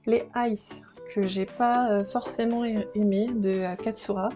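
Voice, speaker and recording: Filming handheld beside her living-room bookshelves, a manga collector chats enthusiastically through an easy shelf-tour vlog, dropping in filler pauses. Her mid-pitched voice is mellow and steady in tone, and clear music runs in the background.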